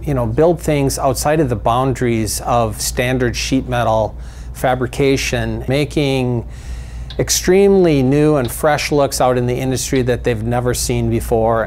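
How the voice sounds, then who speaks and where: Man, mid pitch, sincere, enthusiastic, faint noise. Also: darkish tone. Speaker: fabricator at a manufacturing company. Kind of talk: interview for local TV feature.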